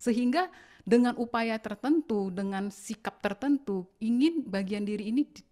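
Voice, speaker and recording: A woman hosting a seminar session, speaking in a polite, measured way. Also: fairly high pitch, mellow. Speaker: session host. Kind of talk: seminar moderation.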